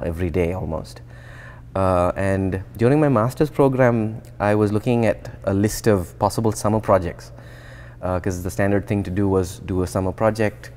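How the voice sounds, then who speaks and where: A thirties-aged Indian man with a deep voice, a guest researcher, talks through his career path in a relaxed, conversational interview. He is thoughtful, often restarting sentences and using fillers. He's recorded on a lapel mic in an indoor atrium full of plants and glass.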